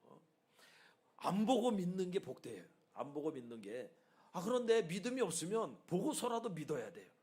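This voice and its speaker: A middle-aged man preaching a sermon as pastor of his church. He speaks with animated emphasis and often tosses in rhetorical asides to the congregation. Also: high-pitched, moderate pace. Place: church sanctuary.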